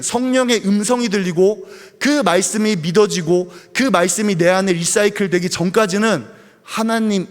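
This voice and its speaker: A man with a high, light voice preaches a sermon, pressing his point with rhetorical questions and then easing into softer asides. His voice rings out in a church sanctuary with a long reverb tail. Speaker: pastor.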